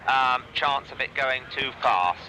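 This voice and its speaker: A man's voice: medium pitch, measured pace, pushed and bright. A man directing an experiment from the ground over space radio, instructing politely and somewhat hesitantly. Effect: space radio transmission. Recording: noisy space radio link.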